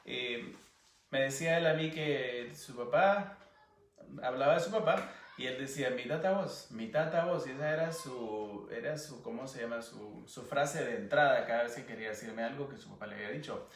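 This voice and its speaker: A man's voice: medium pitch, normal speed, echoey room, far from the mic. Earnest Guatemalan man telling his story. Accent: Guatemalan Spanish. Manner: earnest, searching for words, animated when recounting. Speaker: interview guest. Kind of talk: personal testimony.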